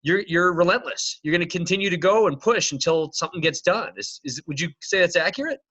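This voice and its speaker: A male podcast host with a bright, slightly higher voice banters with his guest and circles through his thoughts out loud. The audio is dull and lo-fi, as if recorded on a modest mic. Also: lively intonation, fairly quick. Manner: joking, thinks aloud with fillers. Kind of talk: casual interview conversation.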